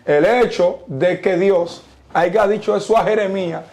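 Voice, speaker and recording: He's young, Dominican, and sounds like a preacher as he gives his testimony, deliberately reciting Bible verses and pausing to stress each idea. A steady, mellow, dark voice sits a little high for a man, with gravelly fry at phrase endings and a Dominican Spanish accent.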